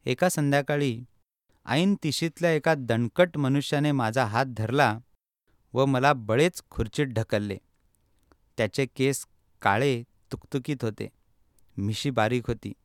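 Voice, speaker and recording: A man reading a first-person travel memoir aloud in steady, measured narration. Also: mid-range voice, no echo, studio quality.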